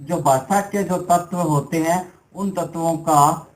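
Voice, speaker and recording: A man's voice: a little high, slow pace, poor audio. A young man teaching an exam-prep language lesson, explaining step by step and often asking rhetorical questions before answering them himself.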